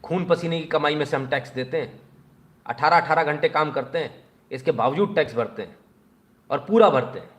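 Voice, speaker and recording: A man giving sarcastic news commentary in an animated voice, and he often speaks directly to the people he criticises. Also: a little high, fairly quick. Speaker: political commentator.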